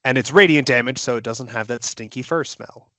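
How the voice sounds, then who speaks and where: A man's voice: medium pitch, fairly quick, bright, forceful tone, no echo. A man playing a tabletop game, thinking aloud as he works out spells and dice rolls. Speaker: player.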